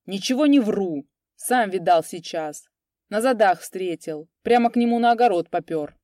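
A surly, swaying drunk peasant man who jeers at everyone around him, as a woman reads him aloud. He sounds louder and a bit higher than the telling around him, the tone dark and mellow, set in a dry, close storybook recording. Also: lively intonation, moderate pace, dry recording, natural voice. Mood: sullen. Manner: slurred, surly, jeering.

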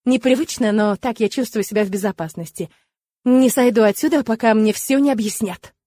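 A young woman reading a first-person fantasy story aloud in a lively, wry way. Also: on the high side, brisk, no room sound. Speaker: audiobook narrator.

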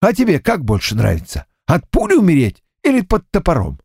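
A man's voice: on the high side, huge pitch swings, a little fast, darkish tone, husky, no echo, pitched above the performer's own voice, heavily acted. Sly mocking village guy, ominous teasing tone, dry close mic, a man doing the voice.

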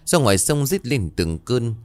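A man reading a ghost story aloud in a dramatic, expressive way. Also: medium pitch, normal speed. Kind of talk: scripted horror narration.

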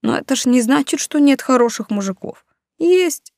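A woman's voice: high-pitched, expressive, moderate pace, creaky, a little mellow, no room sound, pitched above the performer's own voice. A woman voicing an elderly grandmother who lectures her granddaughters in homespun sayings, read in a dry, close recording. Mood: fretting.

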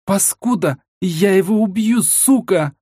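A man's voice: on the high side, moderate pace, dry recording, studio quality, pitched above the performer's own voice, natural voice. A man reading an audiobook and voicing a furious young woman clan leader who screams and swears.

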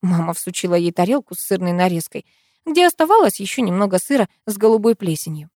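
A woman reading a first-person novel as an audiobook narrator, in an expressive, lively way. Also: medium pitch, fast talker, dry recording, clean studio sound.

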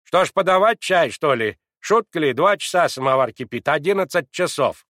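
A man's voice: fairly high pitch, lively intonation, normal speed, no room sound, studio quality, pitched above the performer's own voice. Brief: male reader as an irritable old servant woman, raised and blunt. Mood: cross. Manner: gruff, loud, scolding. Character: grumpy old housemaid, rude and cross.

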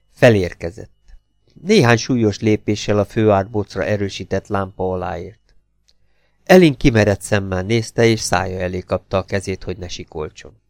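A man narrating a pulp novel as an audiobook, reading in a lively, expressive way. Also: lowish voice, creaky, no room sound, clean studio sound.

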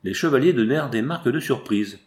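A man's voice: mid-range voice, expressive, brisk, a little mellow, reverberant. Man narrating a classic novel. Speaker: audiobook narrator. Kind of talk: scripted narration.

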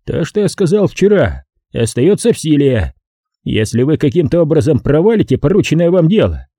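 A man voicing a blustering, loud middle-aged male studio boss with a hoarse, bellowing voice, read as an audiobook character. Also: a little high, no room sound, pitched above the performer's own voice. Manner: shouts and gloats.

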